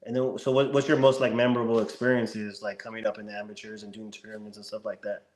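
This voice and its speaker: A man co-hosting a live stream interview, asking halting, stumbling questions. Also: on the low side, level tone, darkish tone. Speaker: co-host. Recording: echoey room.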